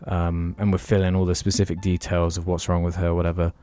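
A man's voice: sits low, completely flat delivery, fast, warm tone, clear, resonant tone. A young man, telling a long story in casual podcast chat and swearing freely. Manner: rambling storytelling, heavy swearing. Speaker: podcast co-host.

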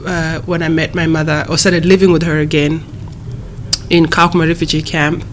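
A woman in her thirties who grew up in East Africa, a guest answering interview questions in a measured, careful way with frequent pauses and restarts. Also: low voice, flat delivery, a little hiss or hum. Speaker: guest, human rights advocate.

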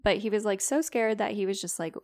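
A woman's voice: mid-range voice, brisk, a little mellow. A woman podcast co-host casually retelling a classic story in a chatty, filler-heavy way.

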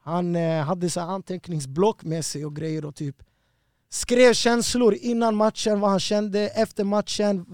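Brief: high-voiced man, animated and slangy, dry close sound. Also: clean tone, no echo. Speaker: guest fighter. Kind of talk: casual storytelling.

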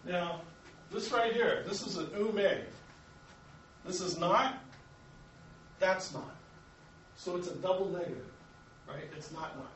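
An American man leads an adult Sunday school Bible lesson in a church classroom, explaining each point step by step, correcting himself, and chuckling at his own slips. His voice is high-pitched and a bit bright, and he speaks slowly with long pauses. The room is echoey, the mic sits at a distance, and there's slight background noise.

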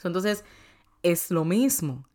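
Woman in her 30s doing a coaching podcast, lowish voice, keeps asking the listener stuff. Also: very animated, slow. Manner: warm, coaxing, asks listeners rhetorical questions. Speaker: emotional eating coach. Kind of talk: podcast monologue.

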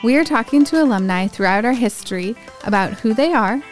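A woman's voice: on the high side, expressive, fairly quick, faint music behind. A woman co-hosting a podcast, reading a polished intro and then chatting in a friendly, conversational way. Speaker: podcast co-host, alumni relations director.

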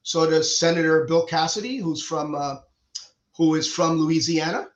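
A surgeon from Cuba, middle-aged, is the guest in a conversational interview, explaining his views with sincerity and often beginning sentences again. His pitch is fairly high and he talks at a normal speed. Echo and a dull, lo-fi quality mark the recording.

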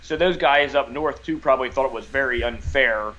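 A man with a rural American hillbilly twang, chatting casually as a podcast guest in a folksy, halting, rambling way. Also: medium pitch, sharp tone, muffled recording. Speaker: podcast guest, lifelong fisherman.

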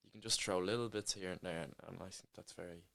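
A man's voice: deep voice, fairly even intonation, fast talker, creaky, a bit bright. A man in casual conversation as a podcast co-host, informal, agreeable and a little hesitant.

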